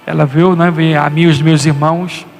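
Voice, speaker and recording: A male pastor preaches a sermon in a notably high voice, driving hard and leaping upward whenever he acts out a quote. His words ring out with the long reverb of a church hall. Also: level tone, normal speed, vocal fry, faint music behind. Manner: impassioned preaching with sudden high-pitched acted quotes.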